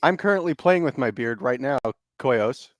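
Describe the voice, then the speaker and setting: A man co-hosting over an online call, excitable and prone to loud exclaimed asides. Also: medium pitch, moderate pace, dry recording, studio quality. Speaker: podcast co-host. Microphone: remote call mic, cutting out.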